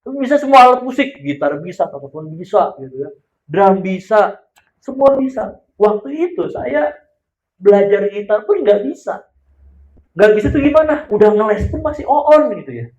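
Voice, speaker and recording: A man with a high voice preaches in a casual storytelling way, now loud, now quiet. His voice rings around a large church room, and the sound is a little dull and muffled. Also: expressive, normal speed, reverberant. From Indonesia. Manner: conversational storytelling, swinging between loud and soft. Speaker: pastor. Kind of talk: sermon. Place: church hall.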